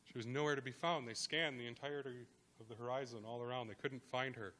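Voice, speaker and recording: Guy telling an old creation story, bright voice, lots of pauses and repeats. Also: mid-range voice, steady tone. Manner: dramatic pauses, rhythmic repetition. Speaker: guest speaker. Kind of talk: oral storytelling.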